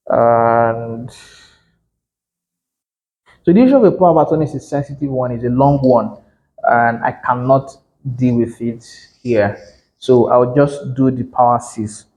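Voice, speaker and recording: A man's voice: medium pitch, normal speed, a little mellow, low-quality recording. A man giving a lecture on real estate law to realtors, conversational and emphatic, often correcting himself mid-sentence.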